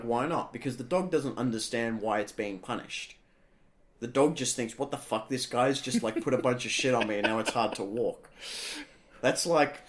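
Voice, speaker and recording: A man co-hosting a podcast, telling animated stories in casual chat and swearing freely. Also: fairly low pitch. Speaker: podcast co-host.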